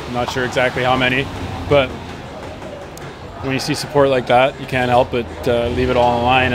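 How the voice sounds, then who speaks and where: A man's voice: medium pitch, background noise. A man in his thirties, a hockey player, giving an earnest, upbeat post-match interview outdoors at night into a handheld mic, with frequent fillers. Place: outdoors at night beside an arena.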